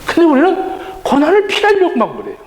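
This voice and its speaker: Male pastor, very high and lively voice, animated sermon delivery, long hall reverb. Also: fairly quick. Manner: animated, acts out the quoted voices; addresses the congregation directly.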